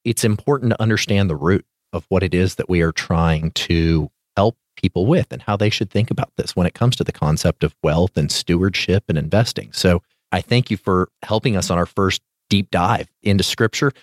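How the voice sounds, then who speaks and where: A man's voice: sits low, moderate pace, few pauses, dry recording, clean studio sound. A man hosting a podcast in a conversational but businesslike style, addressing guest and audience. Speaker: podcast host.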